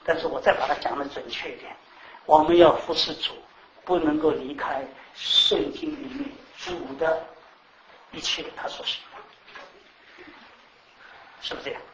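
Animated high-voiced male preacher, echoey hall. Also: unhurried, pauses often, recorded from a distance. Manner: animated, repeats words, laughs, asks the audience questions. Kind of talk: sermon. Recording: echoey room, speaker off-mic, faint background noise.

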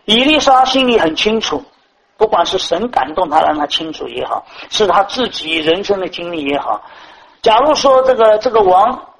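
A man with a high voice preaches a sermon. He talks to the congregation directly, asks rhetorical question after rhetorical question and keeps falling back on filler words. His tone is admonishing but conversational. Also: very animated, normal speed, rough recording.

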